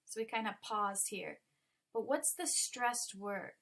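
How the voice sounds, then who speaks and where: Slow, patient woman teacher. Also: mid-range voice, lively intonation, creaky, a bit bright. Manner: slow, patient explaining with many ums. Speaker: ESL teacher. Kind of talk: recorded online lesson walkthrough.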